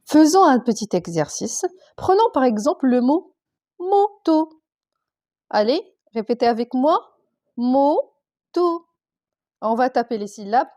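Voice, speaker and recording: A woman teacher, slowly sounding out letters, sounds and syllables for young children in a reading lesson. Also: high voice, sing-song, dark tone. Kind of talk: primary school reading lesson.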